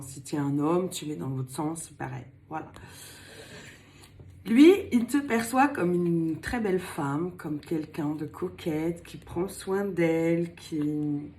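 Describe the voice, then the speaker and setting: Chatty older woman giving a tarot reading. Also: low voice. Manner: chatty, playful, laughs often, slips into a put-on accent. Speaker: tarot card reader. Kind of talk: casual tarot reading to camera.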